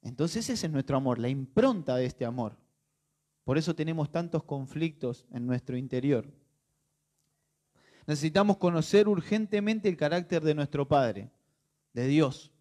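A man's voice: fairly high pitch, expressive, moderate pace, a little mellow. A man with a Rioplatense Spanish accent preaching a sermon in a conversational, jokey way, full of rhetorical questions to his congregation. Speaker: pastor.

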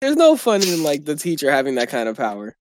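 A young man co-hosting a casual chat, telling animated stories, swearing freely and laughing often. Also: fairly high pitch, fast talker, slight background noise. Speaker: podcast co-host.

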